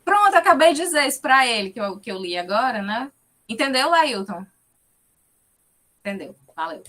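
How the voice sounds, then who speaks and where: A woman's voice: on the high side, very animated, normal speed, sharp tone. A woman with a Fortaleza accent giving an academic presentation over a video call, explaining her research findings and checking in often with her listeners. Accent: Fortaleza, Ceará. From Fortaleza, Brazil. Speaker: guest lecturer, linguistics researcher.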